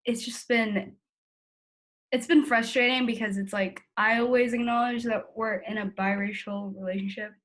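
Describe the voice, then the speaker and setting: This eighteen-year-old's voice is fairly high and a bit bright, with fairly even intonation at normal speed and an American accent. She was born in the Philippines and grew up in the US; in a candid family conversation where she's interviewed, she reflects on herself informally, leaning heavily on "like".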